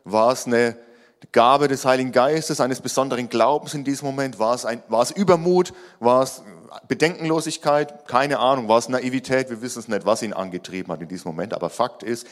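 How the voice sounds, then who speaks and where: A man preaching a sermon. He is animated and raises his voice to act out quoted lines, then drops low and quiet for emphasis. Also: fairly quick. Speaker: pastor.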